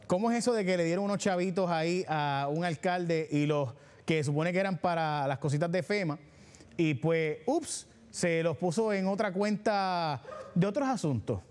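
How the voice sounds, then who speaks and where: A Puerto Rican man hosting a talk show, with a voice pitched a little high for a man. He keeps the tone sarcastic and playful and jokes in casual local slang. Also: a little mellow. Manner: teasing, sarcastic, colloquial. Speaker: TV show host. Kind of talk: joking talk-show interview.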